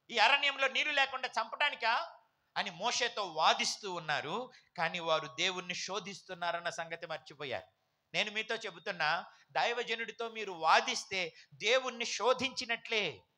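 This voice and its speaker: A man preaching with a very high, piercing, bright voice. He hammers his points with repeated phrases and rhetorical questions, pressing the congregation as a pastor. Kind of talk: sermon.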